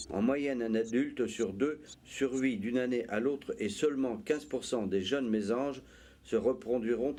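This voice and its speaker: A man giving measured, explanatory nature documentary narration as an amateur filmmaker. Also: medium pitch, warm tone, a little hiss or hum.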